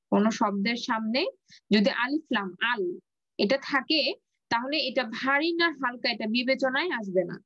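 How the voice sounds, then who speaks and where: A woman's voice: a little high, fairly bright tone, no echo, dull audio. Patient Bengali-accented woman teaching grammar. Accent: Bangladeshi Bengali. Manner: patient, repeats key words slowly, asks and answers own questions. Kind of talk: online class lecture.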